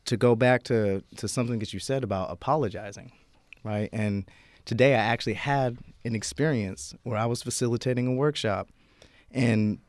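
A man's voice: medium pitch, a little mellow, no room sound. A male teacher telling a heartfelt story from his classroom in a casual conversation. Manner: heartfelt storytelling, lots of restarts. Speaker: teacher guest.

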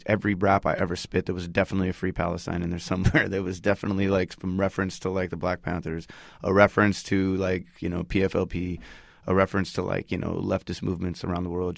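Musician guest, man, 30s, Northern Californian accent, deep, relaxed and slangy, dry close mic. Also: vocal fry, no room sound. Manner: laid-back, loose slangy talk full of likes and you-knows. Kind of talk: casual interview chat.

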